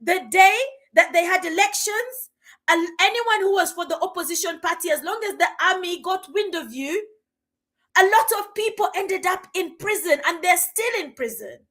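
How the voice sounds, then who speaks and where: Passionate high-voiced woman in her forties. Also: normal speed, a bit bright. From Uganda. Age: 40s. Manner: passionate, indignant, emphatic. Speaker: podcast guest speaker. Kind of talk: impassioned podcast rant.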